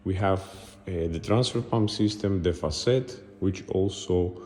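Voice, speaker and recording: A man narrating an unscripted video tour as a guide, halting and pausing between short phrases. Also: deep voice, darkish tone, echoey room, soft background music.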